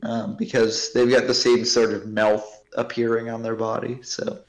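A man co-hosting a casual podcast, talking in a dry, halting way with fillers. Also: mid-range voice, little pitch movement, echoey room, low-quality recording. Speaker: podcast co-host. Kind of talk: casual chat.

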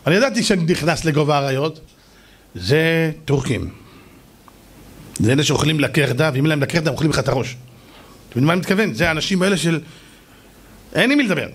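A middle-aged rabbi preaches in a storytelling style, slipping into other people's voices as he tells his tales. His voice sits fairly high and sounds husky, and it rises and falls with lively swings. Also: long pauses. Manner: animated, acts out shouting voices, jokes with audience. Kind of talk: storytelling sermon.

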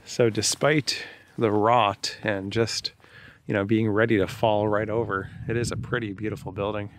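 A man's voice: on the low side, flat delivery, moderate pace, slight background noise. A man giving casual, conversational walking commentary as a travel vlogger, outdoors among ruins. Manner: chatty and conversational, with filler like "you know" and "like".

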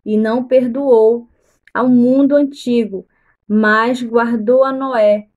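A woman missionary reading the Bible aloud slowly and deliberately during a live stream, pausing to tell listeners which verses to mark. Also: a little high, fairly even intonation, darkish tone, highs cut off.

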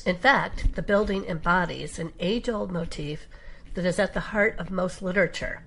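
A woman giving measured, scripted documentary narration. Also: lowish voice, breathy edge, low-quality recording. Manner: measured, even storytelling delivery. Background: music.

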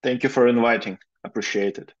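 A man's voice: medium pitch, fairly even intonation, brisk. A man in his twenties with a Russian accent, answering interview questions hesitantly with many fillers, speaking Russian as his first language. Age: 20s. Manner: hesitant, many fillers, careful non-native phrasing. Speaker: guest lawyer. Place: plain room, indoors. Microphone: video call. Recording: dull lo-fi video call audio.

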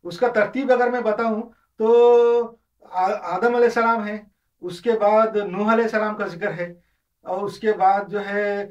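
A man's voice: high-pitched, fairly even intonation, unhurried, darkish tone. A man gives an informal religious lesson, explaining with examples and often hesitating or restarting. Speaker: religious lecturer. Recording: distant, dull lo-fi.

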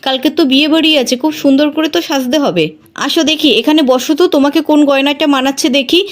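A scheming mother-in-law, read by a woman with a high voice coaxes in a honeyed way and slips veiled threats into her words. It is a serial-drama recap, read near the narrator's own voice. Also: steady tone, fairly quick, close to an everyday voice. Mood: coaxing. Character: scheming middle-aged mother-in-law, sweet but menacing.

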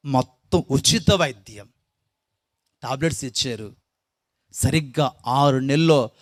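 A man's voice: medium pitch, no room sound, clean studio sound. A pastor telling his own life testimony with emotion, his voice climbing when he is moved. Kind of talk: spoken testimony.

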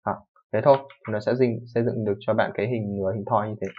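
Fast-talking male coding teacher. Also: fairly low pitch, steady tone, background noise. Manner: fast, informal explaining with frequent "đúng không" checks and self-corrections. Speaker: programming teacher. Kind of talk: screen-recorded coding tutorial. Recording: dull lo-fi microphone.

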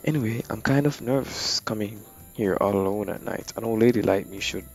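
A man's voice: fairly low pitch, a little fast, gravelly, a little mellow, faint music behind. A man voicing a nervous, chatty old woman customer who rambles on fretfully.

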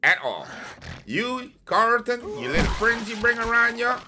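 A man doing loud, excitable let's-play commentary, trash-talking enemies in the game. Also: extremely high pitch, a little slow, over music. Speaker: gaming channel host.

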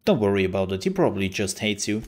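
A woman's voice: extremely low pitch, very animated, a little mellow. A woman streaming a game, commenting in a joking, sarcastic way. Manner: sarcastic, joking, slow-spoken. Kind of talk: let's play commentary.

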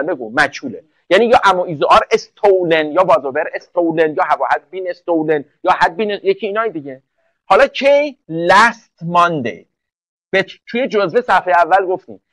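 A male teacher with a high voice runs an online class lecture, recorded dry and close. He drills students with rapid questions and often answers them himself. When he reaches example sentences, he slows down to lay out each word. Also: a bit bright, no echo, rough recording. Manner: slows right down to spell out English sentences. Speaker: English teacher.

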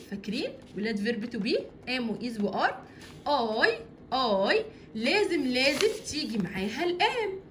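A woman with an Egyptian Arabic accent teaching an English lesson to young pupils, spelling words out slowly and repeating them. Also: sits high, pushed and bright, slight background noise. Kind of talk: online English lesson for children. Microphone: voice-over on an interactive whiteboard video.

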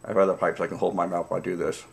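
A man in his forties chatting casually to camera in a savoring way, pausing between puffs on a pipe. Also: low-pitched, flat delivery, creaky. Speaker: pipe-smoking vlogger. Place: small dim room at home, indoors.

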